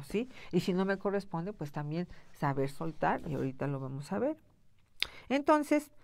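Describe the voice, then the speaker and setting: Lowish-voiced woman teaching. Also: a little mellow, no room sound. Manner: conversational, frequent "este" fillers and "¿sí?" check-ins. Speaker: thanatology instructor. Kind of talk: live broadcast lecture.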